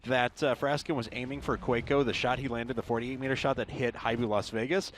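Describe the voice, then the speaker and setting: Man, analytical esports caster, medium pitch. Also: fairly even intonation, brisk, slight background noise. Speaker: esports commentator. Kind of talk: live esports commentary.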